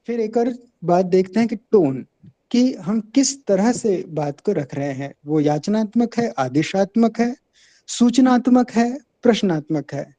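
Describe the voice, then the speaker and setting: Mellow-voiced monk giving a Dhamma talk. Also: male voice, high-pitched, animated. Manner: measured, teacherly, with pauses and fillers. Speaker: Buddhist monk teaching.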